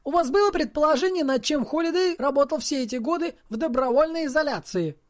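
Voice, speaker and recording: A man voicing an eager male news reporter who fires off brisk questions. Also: very high-pitched, expressive, dry recording, studio quality, voice pushed up.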